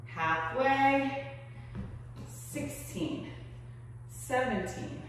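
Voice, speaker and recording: A woman's voice: high voice, lively intonation, drawn-out words, a bit bright. A woman working out as she teaches, an encouraging aerobics instructor who counts reps aloud and calls out form cues. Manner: exerting while talking. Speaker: fitness coach. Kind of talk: aerobics instructor leading a seated workout. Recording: echoey hall, distant mic, noisy.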